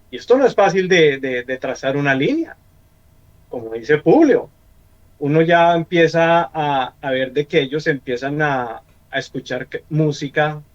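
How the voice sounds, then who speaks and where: A middle-aged Colombian man giving an earnest testimony in a church discussion. He often repeats words while he searches for the next one. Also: fairly high pitch. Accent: Colombian Spanish. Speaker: church member on a panel. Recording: dull lo-fi sound.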